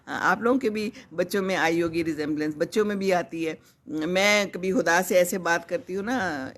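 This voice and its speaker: An older woman from Pakistan, hosting a live stream, chatting in a rambling, conversational way and reading out viewer comments. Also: medium pitch. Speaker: host.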